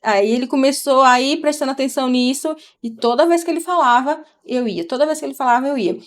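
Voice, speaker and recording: A woman's voice: sits high, fast. A middle-aged woman from Brazil, a mother chatting casually on a live stream and explaining things as she goes. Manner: chatty, explains while talking to her child.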